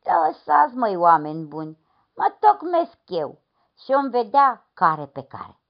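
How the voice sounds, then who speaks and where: Storybook figure: a woman doing a bold, cheerful young farmhand. Cheeky, lively, high-pitched. Dull lo-fi recording. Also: vocal fry, full character voice.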